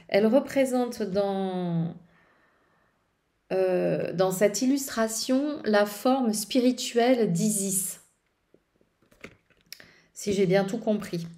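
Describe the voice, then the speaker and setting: A woman chats through her tarot decks in a loose, rambling vlog, often pausing with fillers and starting her sentences over. Her voice sits at an ordinary middle pitch and has a mellow, dark warmth. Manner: rambling, many hesitations and restarts. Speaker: tarot vlogger. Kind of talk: casual tarot show-and-tell.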